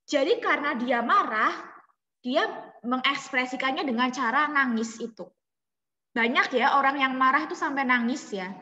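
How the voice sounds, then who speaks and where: A woman teaching a Mandarin class online, explaining slowly and closing phrases with little tag words. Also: sits high, sharp tone. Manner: explains slowly, mixing languages, ends phrases with "ya" and "gitu". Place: home room on a video call. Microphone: laptop mic on a video call. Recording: roomy lo-fi video call audio.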